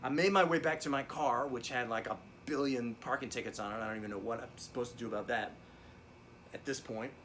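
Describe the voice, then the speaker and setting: This comedic monologue has a man in character as a struggling drum teacher, rambling through a profane, wandering tale during a remote lesson on a video call. He talks fairly quickly in a medium-pitched, slightly bright voice that stays close to everyday speech, with slight background noise.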